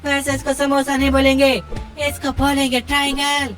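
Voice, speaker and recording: A timid cartoon kid with a raised, childish pitch, as a man does the voice. He pleads and whines through each attempt, and his tone stays bright and pushy. Faint music plays behind him. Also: monotone, normal speed. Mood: excuse-making. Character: timid clumsy boy friend, cartoon kid. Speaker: game commentator.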